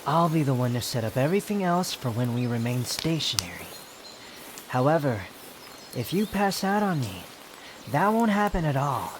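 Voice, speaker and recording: A man playing a sharp-tongued, haughty, youthful-looking immortal wanderer in a roleplay audio drama, speaking in a sardonic, theatrical, teasing way. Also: mid-range voice, very animated, normal speed, background noise, close to an everyday voice. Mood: bossy, sardonic. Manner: sardonic, scolding, theatrical delivery with sighs.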